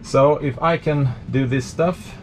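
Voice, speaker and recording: Swedish male sailing vlogger, 30s, relaxed hands-on explainer, mid-pitched voice, slight noise behind. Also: takes it slowly. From Sweden. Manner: relaxed, thinking aloud with many fillers. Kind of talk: casual explanatory vlog. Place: cramped engine compartment on a boat.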